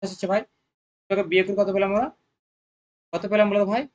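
Coaching-centre math tutor, mid pitch, rapid, drills students with constant questions. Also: level tone, a little mellow, highs cut off. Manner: coaxing, repetitive. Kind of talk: exam-prep math lesson.

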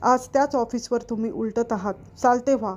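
Lady reading as a strict boss man, snapping orders, voice sits kinda high. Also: normal speed, a little mellow, highs cut off, natural voice. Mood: angry. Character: stern older male office boss, commanding.

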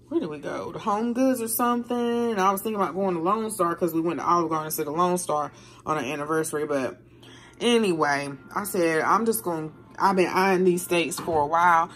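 A middle-aged woman with a low voice chats and rambles to her viewers about her grocery haul, vlogging from her home kitchen. There's slight background noise in the recording.

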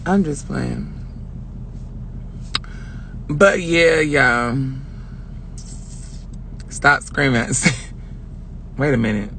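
A woman's voice: a bass voice, extremely slow, vocal fry, long pauses, a bit bright. A woman hosting a casual live stream from inside her car on a phone, talking in a brash, joking, profane way. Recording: car noise behind.

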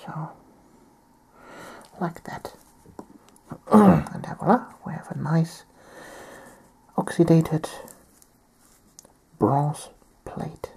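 A woman from Germany, talking softly through a painting tutorial while she has a cold and keeps clearing her throat. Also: sits low, drawn-out words, pauses often. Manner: soft-spoken, often near a whisper. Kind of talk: step-by-step tutorial narration.

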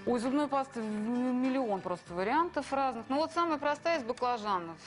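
A woman's voice: high-pitched, expressive, fairly quick, faint music behind. A middle-aged woman explaining her views as a guest on a TV studio talk show. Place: TV studio with audience.

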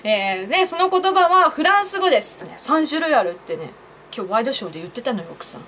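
A woman's voice: high voice, very animated, fast, a bit bright, slight background noise. A young woman vlogger chatting on her own to viewers, laughing at her own jokes and asking them questions. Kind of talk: casual solo commentary to camera.

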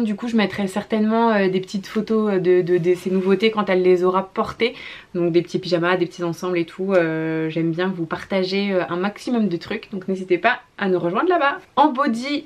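A young woman talks through a baby clothes haul in a relaxed vlog. She gushes and piles up repeated words, and she fills her pauses with soft hesitations. Her voice sits in a middle range for a woman. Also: mid-range voice. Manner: gushing, repeats "trop, trop" and fills with "euh". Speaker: vlogger, mother showing a baby clothing haul.

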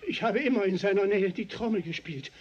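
A man dubbing a high-voiced, pleading vagrant. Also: a little fast, a little mellow, dull audio, a little hiss or hum, natural voice. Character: hungry, humble, ragged male vagrant. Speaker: poor vagrant selling a shirt.

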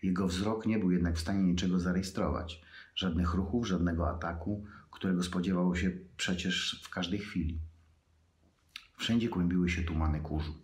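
His very deep voice carries a slight mellowness and fairly even intonation as he reads his own story aloud. The pacing is calm and deliberate, broken by pauses, and the space sounds reverberant.

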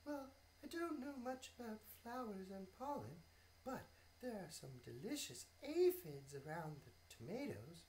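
Offhand storybook ladybug, lively pitch , played by a woman. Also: unhurried, a little hiss or hum, low-quality recording. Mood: breezy. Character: matter-of-fact little ladybug.

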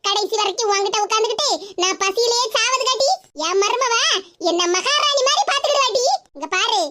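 A woman's voice: very high voice, very noisy. Woman voicing a fiery Tirunelveli mother-in-law. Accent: Tirunelveli Tamil. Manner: scolding, blunt, threatening. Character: fiery middle-aged village mother-in-law. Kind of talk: animated cartoon voice acting.

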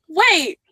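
High, bright-voiced woman chatting on a livestream. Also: no room sound. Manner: laughs often, affectionate, calls people "my love". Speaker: livestream host. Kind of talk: casual livestream chat.

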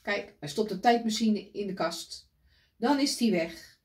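A woman reading a picture book aloud to children, gently pointing out the pictures as she goes. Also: medium pitch, animated, measured pace.

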